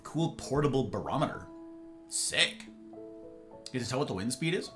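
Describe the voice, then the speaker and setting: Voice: medium pitch, lively intonation, moderate pace, a bit bright, soft background music. A live streamer host chatting casually with viewers in a playful, rambling way, full of silly slang.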